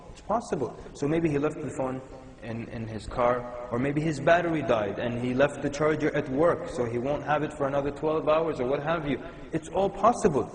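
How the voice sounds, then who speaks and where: A man from Sudan giving a conversational, humorous Islamic lecture to a live audience. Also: a little high. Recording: echoey hall with long reverb.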